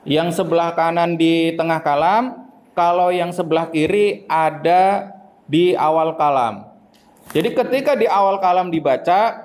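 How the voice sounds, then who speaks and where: Slow, deliberate male grammar teacher. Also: sits high, rough recording. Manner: slow and deliberate, explains with questions to the class. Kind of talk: classroom lesson.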